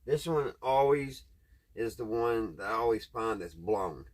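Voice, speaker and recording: Speaking in a low, expressive voice at a slightly slow pace, a folksy man muses aloud while repairing radios at an indoor workbench. He's a hobbyist hosting a casual, hands-on repair video with no script.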